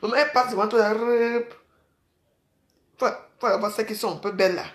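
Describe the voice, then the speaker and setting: A woman's voice: fairly high pitch, fairly even intonation, normal speed. Chatty woman in an echoey room. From Cameroon. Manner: chatty, addresses viewers as sisters. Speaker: vlogger. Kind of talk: casual rambling monologue.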